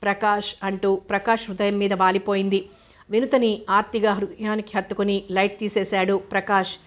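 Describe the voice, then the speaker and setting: A woman narrating a novel aloud in a calm, even storytelling manner. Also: mid-range voice. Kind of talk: novel reading.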